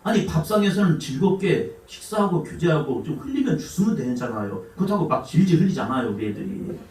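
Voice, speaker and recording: A man preaching a sermon as pastor, swinging from loud exhortation to hushed asides. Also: fairly high pitch, big pitch swings, fairly quick. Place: church sanctuary. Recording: echoey church hall, mic at a distance.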